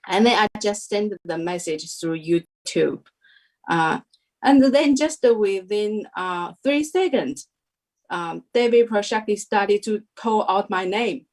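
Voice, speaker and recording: Young woman, slow and hesitant testimony, lots of ums. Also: lowish voice, rough recording. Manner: hesitant, many fillers and restarts. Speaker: devotee sharing a testimony. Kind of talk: casual spoken testimony.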